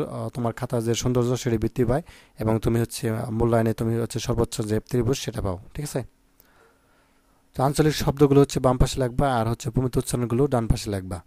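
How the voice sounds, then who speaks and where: A male teacher going through exam questions for young students, often checking "okay?" and pausing with fillers. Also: mid-range voice, a little mellow, no room sound. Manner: asks "ঠিক আছে?" often, with many "আহ" fillers. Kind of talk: exam prep lesson.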